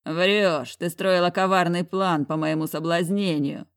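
A woman's voice: lowish voice, fairly even intonation, a little slow, smooth. Woman voicing a brash, mocking boss man. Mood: bossy teasing. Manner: teasing, bossy, coarse. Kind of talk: audiobook character voicing.

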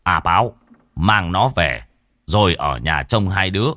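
Man acting out a gruff old shaman, scolding, shouting, storybook figure. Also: deep voice, animated, measured pace, no room sound, clean studio sound, full character voice. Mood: relieved.

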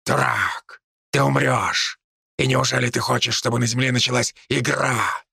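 A man voicing a mocking male druid who speaks through ravens, slow, scornful and taunting, with a gravelly voice. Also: medium pitch, fairly even intonation, pushed and bright, no room sound, clean studio sound, heavily acted.

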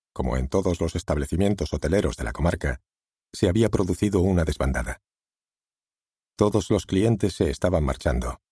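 A man reads an audiobook in a measured, even way. His voice is deep, dark and a little husky. The recording is dry and close. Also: dry recording. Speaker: audiobook narrator. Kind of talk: scripted narration.

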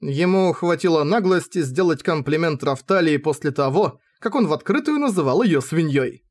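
A man's voice: a little high, lively intonation, moderate pace, a little mellow. A man reading a novel aloud in first person, with a wry, conversational manner. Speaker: audiobook narrator.

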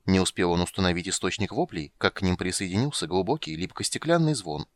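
A man reading a fantasy story aloud in an expressive audiobook narration. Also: deep voice, quick pace, no room sound. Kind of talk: scripted narration.

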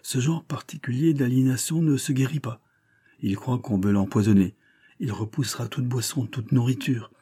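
A man's voice: mid-range voice, normal speed, mellow, husky, pitched above the performer's own voice, lightly acted. A man voicing a grave doctor who soberly explains a hopeless case. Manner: sober, matter-of-fact. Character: grave middle-aged male doctor.

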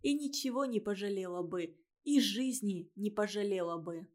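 A woman reading a story and voicing an earnest young schoolgirl who speaks quietly. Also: mid-range voice, moderate pace, natural voice.

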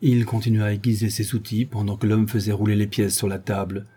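Low, husky male narrator. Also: level tone, fairly quick, mellow. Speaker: audiobook narrator. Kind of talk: scripted narration.

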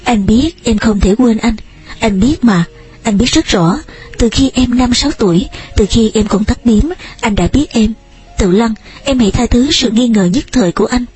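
A woman's voice: fairly high pitch, moderate pace, a little mellow, breathy edge, soft background music. A woman voicing a passionate young man who pleads urgently with the woman he lost. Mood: pleading.

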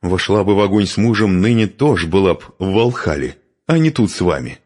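A man voicing a mocking, quarrelsome young Norse warrior woman in an audiobook, with a husky, sharp-tongued voice. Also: low voice, animated, brisk, pitched above the performer's own voice. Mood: scornful.

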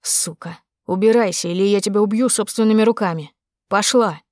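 A woman's voice: medium pitch, fairly even intonation, normal speed, darkish tone, dry recording, studio quality, lightly acted. A woman voicing a furious middle-aged husband who barks clipped, harsh orders. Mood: icy rage.

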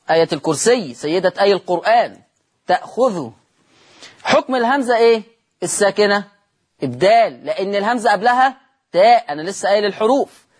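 Husky Egyptian man teaching Quran recitation. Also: high voice. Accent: Egyptian Arabic. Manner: asks questions and answers them himself, stretching example words slowly. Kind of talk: televised tajweed lesson.

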